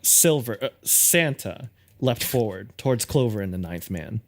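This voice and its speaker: Low-voiced man narrating a game. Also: expressive, measured pace, vocal fry. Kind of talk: scripted narration, read aloud. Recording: music behind the voice.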